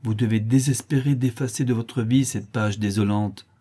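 A grave old priest offers solemn consolation in a storybook reading, as a man reads his part. The voice is mellow and husky, slow and solemn. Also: mid-range voice, steady tone, lightly acted.

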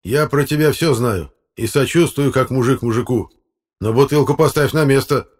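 A man voicing a brash, tipsy older village electrician who talks back defiantly and shouts. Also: medium pitch, a little fast, voice pushed up, close to an everyday voice.

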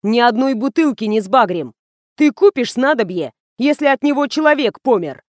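A woman reading the part of a young advertising manager who coaxes, then shouts and panics. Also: on the high side, expressive, moderate pace, dry recording, natural voice. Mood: panicked. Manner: bossy, then loud and panicky.

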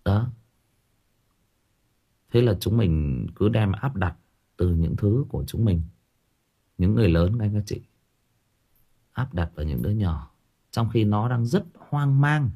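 A man's voice: lowish voice, measured pace, pauses often, husky. A man hosting a casual talk show, rambling and repeating himself as he talks about raising teenagers. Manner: rambling, repeats words, animated.

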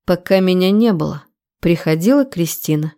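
A woman narrator voices an enraged young man grilling someone he despises. He speaks slowly and threateningly, each word weighed out, in a dark, mellow tone. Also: on the low side, close to an everyday voice. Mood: menacing. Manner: slow, threatening interrogation. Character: furious young man, menacing and cold. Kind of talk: audiobook character voice.

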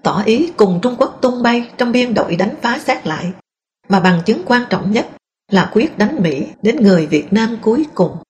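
A woman reading a first-person memoir aloud in a calm, steady storytelling voice. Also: on the high side, moderate pace, slight background noise. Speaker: narrator.

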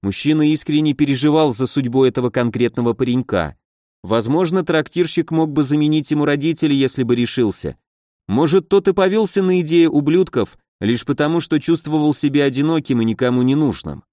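A man reading a first-person fantasy audiobook in an even storytelling manner. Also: a little high, a little fast, dry recording, clean studio sound. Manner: even storytelling, voices characters. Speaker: audiobook narrator.

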